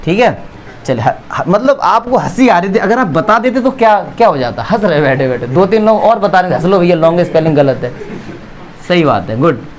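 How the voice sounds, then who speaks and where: A man's voice: high-pitched, sing-song, fairly quick, slight background noise. A man teaching a maths class, asking questions and answering them himself, joking with his students in the classroom. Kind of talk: classroom lecture.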